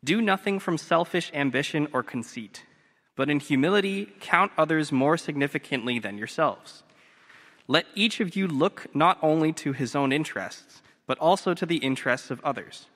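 A man reading scripture aloud in a measured, formal cadence, his voice ringing with cathedral echo. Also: on the high side, lively intonation, a bit bright. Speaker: scripture reader. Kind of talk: liturgical reading. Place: church sanctuary. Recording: long reverb of a church hall.

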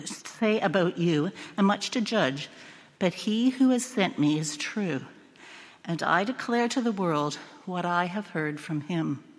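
A woman pastor reading the gospel in a steady, solemn cadence, her voice carried by cathedral echo. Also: on the low side. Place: church sanctuary. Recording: long reverb of a church hall.

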